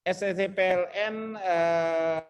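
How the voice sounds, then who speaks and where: A man in his late sixties from West Java talks on a video call in a slightly higher register. He is modest and hesitant, often pausing on fillers before going on. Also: fairly even intonation. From West Java, Indonesia. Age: 60s. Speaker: university official. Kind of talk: casual video call chat.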